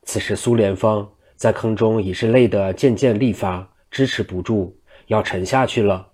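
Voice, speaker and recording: A male storyteller reading a classical novel aloud in a low voice. His narration is steady and unhurried.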